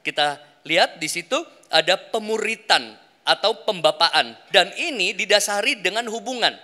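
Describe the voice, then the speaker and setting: This pastor's high voice has lively intonation and a sharp tone, delivered at a moderate pace. In his animated workshop sermon he addresses the congregation directly and dramatizes short daily-life examples. It was recorded in a large, echoing hall with long reverb.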